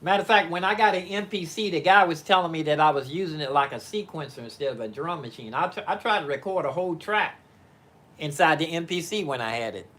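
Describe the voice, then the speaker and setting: An older man talks casually on a live stream from his living-room home studio, meandering and halting as he thinks aloud with many fillers and restarts. His voice is a little high and a bit bright, with lively intonation and a fast pace.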